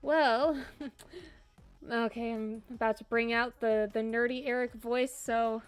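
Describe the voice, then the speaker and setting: A woman's voice: a little high, fairly even intonation, takes it slowly, clear, resonant tone, faint music behind. A woman streamer reading a dating game aloud, with playful, jokey asides.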